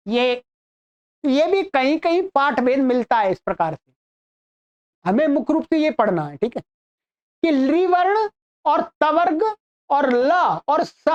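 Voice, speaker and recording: High, lively woman teaching slowly. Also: dull audio. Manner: repeats sounds slowly and many times for learners to copy. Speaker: Sanskrit teacher. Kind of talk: online pronunciation lesson.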